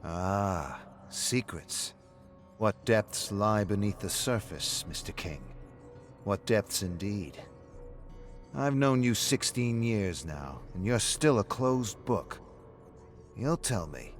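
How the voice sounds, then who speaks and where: A man reading gives voice to a pub owner who needles his old friend in a low, dry voice. He talks steadily and presses his point without raising much heat. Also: animated, slow, soft background music. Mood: teasing. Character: calm, probing male pub owner, longtime friend.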